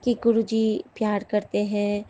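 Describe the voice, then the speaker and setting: A woman's voice: medium pitch, completely flat delivery, a little slow, mellow. A woman giving an earnest, emotional devotional testimony to her listeners in a casual satsang talk. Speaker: satsang speaker.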